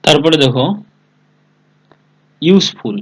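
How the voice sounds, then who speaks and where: A man's voice: fairly high pitch, takes it slowly, poor audio. A man teaching an online English class, spelling words letter by letter and often asking his students whether they follow. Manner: calls on students by name. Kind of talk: live online class lesson.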